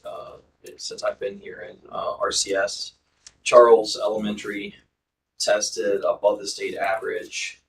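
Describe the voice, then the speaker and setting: A man reporting school test and attendance results to a school board, informal and full of ums and uhs. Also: on the low side. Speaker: school district administrator presenting data. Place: school board meeting room. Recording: distant microphone in a meeting room.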